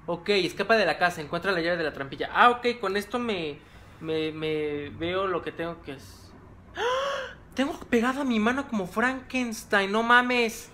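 A jittery man with a Mexican accent talks his way through a horror game. He mutters nervously to himself and bursts into yelps. A clear hiss of noise sits under his voice the whole time. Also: high voice, normal speed, sharp tone. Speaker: let's play gamer.

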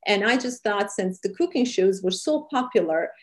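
A woman's voice: mid-range voice, animated, moderate pace. A middle-aged woman from Serbia, a charity founder, speaking earnestly with many fillers and slightly phrasing in an interview over a webcam call from a small room. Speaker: charity founder and cooking show host. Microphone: webcam on a video call.

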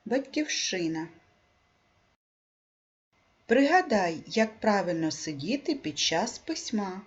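A woman teacher with a Ukrainian accent, dictating a calligraphy lesson for young pupils in a slow, careful way that stresses syllables. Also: medium pitch, very animated, lo-fi sound. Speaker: primary school teacher. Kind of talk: calligraphy lesson for second graders.

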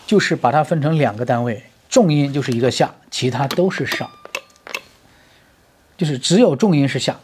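A man's voice: mid-range voice, lively intonation, moderate pace, pauses often, darkish tone, slight background noise. A man giving an electric guitar lesson, explaining step by step with everyday comparisons and often checking "right?" with the learner. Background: guitar playing.

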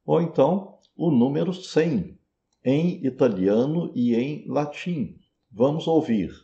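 Slow Brazilian man teaching pronunciation. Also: on the high side, lively intonation, creaky, warm tone, lo-fi sound. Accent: Brazilian Portuguese. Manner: patient, repeats words to model pronunciation. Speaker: Sanskrit teacher. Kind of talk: slow explanatory lesson.

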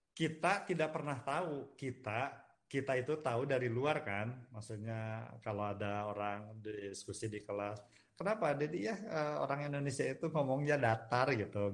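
A man lecturing on phonology in a casual, conversational way, answering a student's question and addressing him by name. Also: mid-range voice. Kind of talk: casual university lecture discussion.

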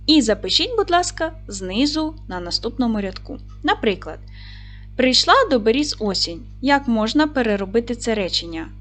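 A woman teacher giving a video lesson for young pupils, with clear, patient instructions and pauses for tasks. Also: a little high, big pitch swings, fairly bright tone. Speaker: primary school teacher.

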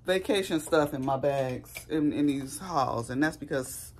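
A woman in her forties, hoarse and scratchy-voiced, rambling casually through a haul vlog. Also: low voice, unhurried, a little mellow. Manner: chatty and rambling. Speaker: YouTuber.

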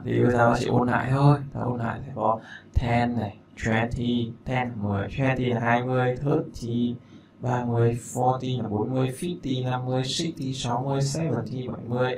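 A male English teacher walks through a listening exercise, repeating each phrase slowly before glossing it, with chatty, joking asides. His mid-pitched voice carries a gravelly edge. There is faint background noise. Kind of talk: language lesson explaining a listening exercise.

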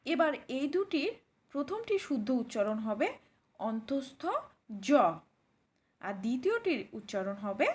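A woman with a fairly high voice that rises and falls a lot teaches pronunciation. She explains each sound patiently and demonstrates it slowly. She speaks straight to the learner, as if sitting beside them. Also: very animated, a little mellow, husky.

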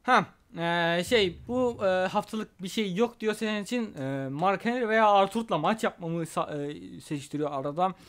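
A young man talks through a wrestling video game in casual Let's Play style. His voice sits high, and he gets excitable, trash-talking his opponent and shouting at big moves. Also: normal speed, hardly any pauses. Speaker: gaming YouTuber.

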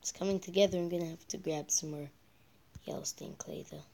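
A man's voice: high-pitched, fairly even intonation, brisk, a little mellow. A male gameplay vlogger chatting casually while he builds, often muttering and half-whispering as he counts blocks under his breath, with rambling asides.

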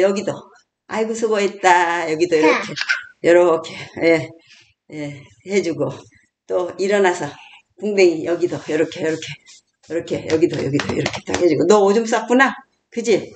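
A woman's voice: on the low side, darkish tone. An older woman, a grandmother, casually leading home exercises, counting aloud and chatting to a small child. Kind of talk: casual spoken instruction with counting. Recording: echoey room with faint noise.

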